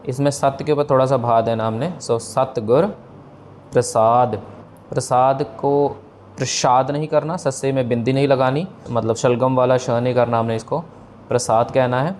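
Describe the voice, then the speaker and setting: A man giving a patient scripture pronunciation lesson, slowly spelling out sounds and mixing in English words. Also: mid-range voice, fairly even intonation, a little mellow, slight background noise. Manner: patient, slow demonstrations of pronunciation; mixes English words into explanations. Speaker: Sikh scripture teacher.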